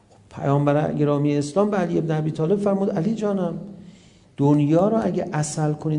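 A man preaching a religious sermon, animated, rising to emphatic calls and then dropping low. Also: creaky.

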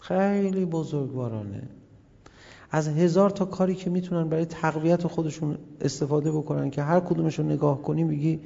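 A man with a dark, gravelly voice preaches a storytelling sermon, dropping to a hush and rising again as he acts out the people in his tale. The lo-fi recording carries the long reverb of a big hall. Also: a little high. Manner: acts out quoted voices, swings between loud and hushed.

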